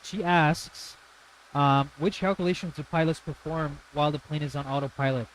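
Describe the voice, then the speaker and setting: A man's voice: fairly high pitch, fairly even intonation, normal speed, a little hiss or hum, low-quality recording. A man co-hosting a live stream, chatting casually in a friendly way and answering viewer questions. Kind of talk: casual chat.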